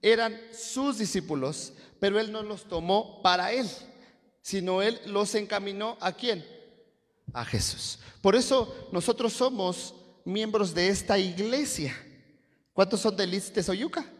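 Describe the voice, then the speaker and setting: A man's voice: high-pitched, a little slow, long reverb tail. A man preaching a sermon, constantly quizzing the congregation and waiting for them to answer. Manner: call-and-response, quizzing the congregation.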